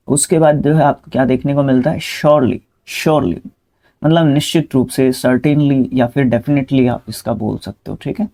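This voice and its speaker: A man's voice: medium pitch, vocal fry, warm tone. A man teaching English vocabulary in a casual spoken lesson, talking students through spellings, repeating words and correcting himself mid-word.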